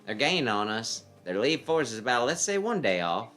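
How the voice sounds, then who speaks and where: A man voicing a grave, calculating young strategist from a game script in formal, measured counsel. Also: mid-range voice, very animated, fairly bright tone, faint music behind. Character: grave, calculating young army strategist advising his commander. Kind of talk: game script read aloud.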